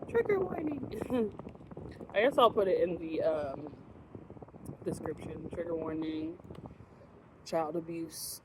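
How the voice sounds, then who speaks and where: A woman's voice: low voice, noisy background. A woman vlogger chatting casually to camera while eating outdoors, with a frank, profane, laughing way of ranting.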